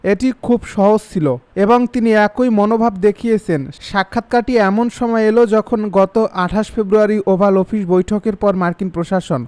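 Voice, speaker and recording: High, clear-voiced male news reader. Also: brisk. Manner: even, formal delivery. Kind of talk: scripted news reading.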